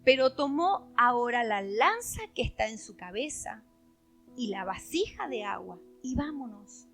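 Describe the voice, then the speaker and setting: High-voiced Argentine woman pastor preaching. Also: lively intonation, measured pace, gravelly, soft background music. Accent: Argentine Spanish. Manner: dramatic preaching with sharp swings between loud and hushed. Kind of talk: sermon.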